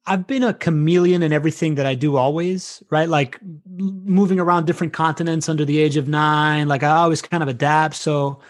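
Casual chat guest: man in his 40s from Venezuela, loose and animated, higher-pitched voice. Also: brisk, few pauses. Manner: animated, loose, swears and laughs often.

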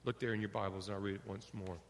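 A middle-aged male pastor preaching a sermon, animated, acting out little dialogues for his congregation. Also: fairly low pitch, rapid-fire, slight background noise. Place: church sanctuary. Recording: long hall reverb.

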